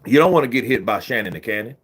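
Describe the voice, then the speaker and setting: A man's voice: mid-range voice, lively intonation, quick pace, fairly bright tone, husky. A man hosting a boxing livestream, chatting casually, reading out and thanking viewers by name.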